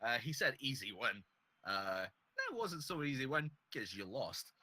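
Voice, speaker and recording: A man giving relaxed esports color commentary and reading out donations, with many fillers. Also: medium pitch, a little slow, low-quality recording. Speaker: esports co-caster.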